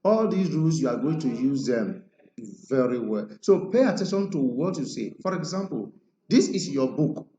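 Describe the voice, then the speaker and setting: A man's voice: fairly high pitch, animated, moderate pace, warm tone. A man teaching an English grammar lesson, emphatic and quizzing his listeners with rhetorical questions. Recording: roomy lo-fi recording with faint noise.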